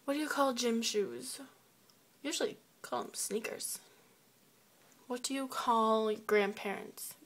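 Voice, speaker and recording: A teenage girl from the United States, casually reading a word list one word at a time. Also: a little high. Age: teens. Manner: unhurried, reads words one by one. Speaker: video blogger.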